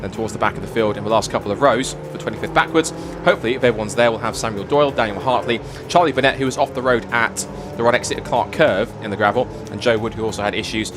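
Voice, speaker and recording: Rapid-fire man reading a race grid. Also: lowish voice, music in the background. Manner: rapid and lively, reads off names. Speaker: race commentator. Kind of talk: motorsport commentary.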